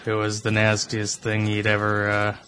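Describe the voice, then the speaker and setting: A man's voice: fairly low pitch, completely flat delivery, normal speed, pushed and bright, slight background noise. A man co-hosting a podcast, chatting casually and meandering with lots of fillers and hedges. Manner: meandering, hedging talk with many fillers. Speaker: podcast co-host. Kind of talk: casual chat.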